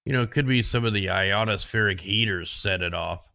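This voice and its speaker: This man's voice sits on the low side, with vocal fry and a bright, forceful tone, and he talks fairly quickly. Hosting a casual screen-share, he rambles conspiratorially through weather maps as his voice wears out and he starts losing it.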